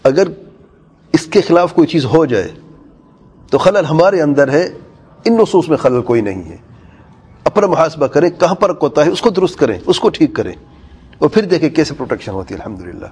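A man's voice: a little high, big pitch swings, pauses often, a little mellow, breathy edge. A man teaching a religious lesson, reading lines of an old text aloud and then explaining each one, often asking his listeners questions. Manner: reads lines in Arabic then explains them, with rhetorical questions.

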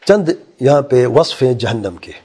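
Male religious teacher with a husky voice giving a Quran exegesis lesson; lifts into chanted recitation, then explains plainly. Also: medium pitch, animated, dark tone. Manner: asks the listeners rhetorical questions.

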